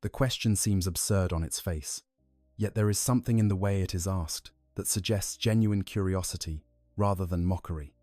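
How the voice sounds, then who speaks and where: A man giving measured, scripted story narration. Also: low-pitched, mellow, no echo. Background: faint music.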